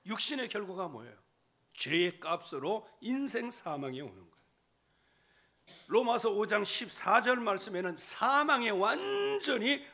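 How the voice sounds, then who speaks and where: Male pastor, middle-aged, bright edgy tone, very lively pitch, mid-sermon. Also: creaky. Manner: lively preaching, swinging from loud emphasis to quiet asides, mimics hymn singing. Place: church sanctuary.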